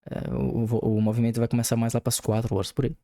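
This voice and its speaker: On his casual podcast, a young man vents angrily about his job, swearing heavily. His mid-range voice is mellow but monotone, and he talks fast.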